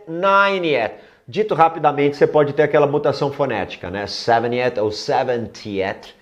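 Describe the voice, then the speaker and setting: Lively Brazilian English teacher. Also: male voice, medium pitch, dull audio. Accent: Brazilian Portuguese. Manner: lively, repeats words slowly for drill, jokes with learners. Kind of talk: recorded English lesson.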